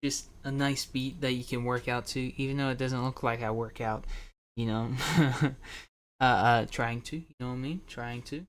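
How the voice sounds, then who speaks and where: A man's voice: mid-range voice, steady tone, moderate pace. A young man hosting a casual livestream, rambling to his viewers, calling them "boys" and talking loosely with many fillers and restarts. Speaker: livestream host.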